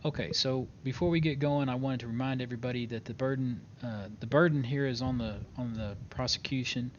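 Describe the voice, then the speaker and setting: A man role-playing a judge in court, announcing formally like a court clerk, with hesitant pauses. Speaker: judge in an online role-play game. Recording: dull lo-fi mic with clear rumbling noise.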